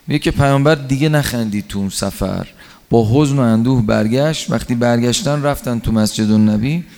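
Low-voiced male preacher in a hall. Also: a little mellow. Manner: narrates stories and acts out quoted speech. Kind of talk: sermon storytelling. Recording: long hall reverb.

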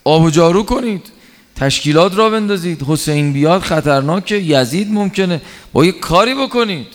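Old man shouting alarm at a crowd, as a preacher puts him on, high and pleading, long hall echo. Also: animated. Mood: urgent. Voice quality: loud, pleading exhortation.

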